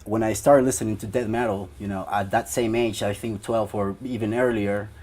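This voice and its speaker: A man's voice: on the low side, steady tone, fairly quick, darkish tone. A young man from Ecuador, a band guitarist, answering interview questions in a rambling way with many fillers.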